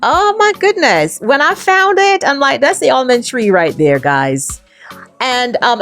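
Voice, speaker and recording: A middle-aged woman from Jamaica with a Jamaican accent, chatting to viewers in a casual travel vlog. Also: medium pitch. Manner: chatty, addresses viewers as guys. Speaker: travel vlogger.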